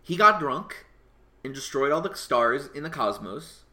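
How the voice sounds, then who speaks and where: A man's voice: mid-range voice, animated, unhurried, pushed and bright. An American man hosting a casual podcast as its gaming historian, full of joking, self-mocking banter.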